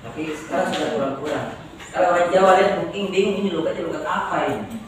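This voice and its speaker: Far from the mic, a male law lecturer talks fast with lively intonation in a slightly high voice, his Indonesian accent a mix of Makassar and Javanese. He jokes and teases students, frequently tagging lines with "ya", amid echo and noise in a university lecture room.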